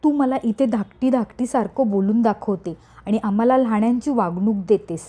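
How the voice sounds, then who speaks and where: A woman's voice: a little high, normal speed, mellow, slightly rough. A woman reading the lines of a scheming, quarrelsome young daughter-in-law in her own narrating voice. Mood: accusing.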